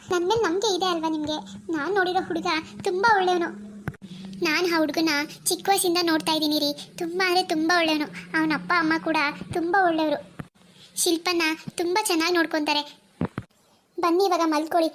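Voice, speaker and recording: A woman voicing a gentle, caring young wife in a cartoon who speaks softly and reassuringly. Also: extremely high pitch, fairly even intonation, a little fast, slight background noise. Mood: comforting. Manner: soft, reassuring. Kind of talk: cartoon dialogue acting.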